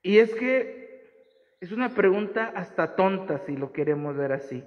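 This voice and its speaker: A man's voice: high voice, animated, a little slow. Man preaching in an echoing church. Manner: earnest, rising to emphatic repetitions. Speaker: priest. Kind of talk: homily at mass. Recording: dull sound with long church reverb.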